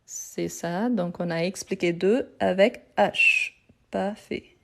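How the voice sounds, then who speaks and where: A woman's voice: mid-range voice, slow, gravelly, fairly bright tone. A woman teaching French in a live online grammar lesson, recorded on her phone, patiently repeating answers and praising students.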